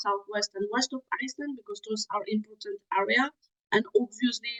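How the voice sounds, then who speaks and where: A woman's voice: fairly high pitch, a bit bright, rough recording. Swiss woman explaining her research. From Switzerland. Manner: careful, methodical, frequent "uh" pauses. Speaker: PhD student researcher. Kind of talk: explanatory interview answers.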